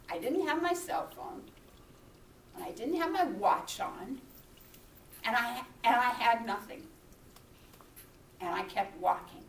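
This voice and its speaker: A high, lively woman's voice tells a personal story from the pulpit, unhurried and full of swings from hushed to loud. She sounds a little distant in an echoey church hall with a faint hum behind her. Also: gravelly. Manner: animated, acts out her own frantic shouts and whispers. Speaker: minister. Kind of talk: sermon storytelling.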